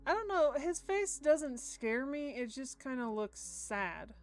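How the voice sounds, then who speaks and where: An American woman streams a game, offering casual livestream commentary and reading aloud, stammering and repeating words. Her voice is high, with big pitch swings and a slow pace.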